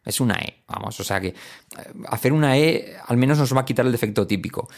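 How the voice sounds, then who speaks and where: A man from teaching English pronunciation, explaining in casual speech and repeating example words slowly. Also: medium pitch, gravelly. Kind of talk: spoken language lesson.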